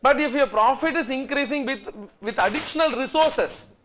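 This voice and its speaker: A man's voice: very high voice, normal speed, fairly bright tone. A man in his thirties with a South Indian accent, teaching a class emphatically, repeating points and prompting students to respond. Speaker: accountancy teacher. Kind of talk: classroom lecture with repeated check questions. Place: indoor classroom. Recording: echoey classroom sound.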